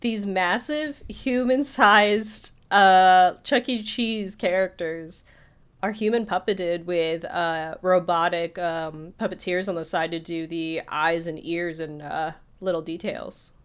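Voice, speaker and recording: This podcast co-host talks slowly and smoothly in a lowish voice with fairly even intonation. She rambles casually about film, filling her speech with "like".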